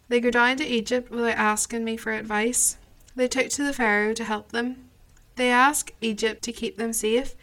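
Higher-voiced woman reading scripture. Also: a bit bright, poor audio. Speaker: reader.

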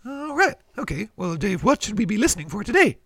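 A man voicing an excitable puppet-like sidekick on a children's show, with a raspy, creaky voice. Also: high-pitched, a little fast, no echo, clean studio sound, heavily acted. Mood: eager.

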